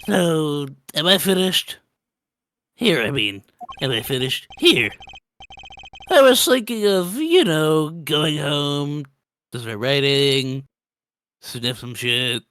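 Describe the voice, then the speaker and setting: A woman's voice: low voice, lively intonation, slow, pauses often, fairly bright tone, slight background noise, full character voice. A woman voicing an evasive male journalist who is a witness in a courtroom game, reading his lines aloud. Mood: drowsy, cheeky.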